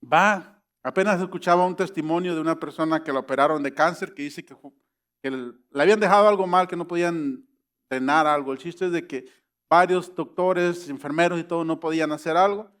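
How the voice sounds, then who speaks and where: Man, high-pitched, preaching, acts out voices. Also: brisk, clean tone. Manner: animated preaching that acts out quoted voices, rising to emphatic high peaks. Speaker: pastor. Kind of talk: sermon.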